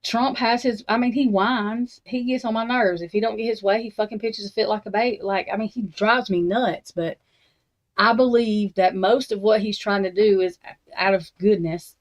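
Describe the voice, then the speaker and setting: A woman hosts a true crime talk stream, ranting bluntly and with profanity in a loose, rambling style full of restarts and slangy, Southern-tinged grammar. Her mid-range voice holds a steady tone at a moderate pace. The audio is slightly dull and lo-fi.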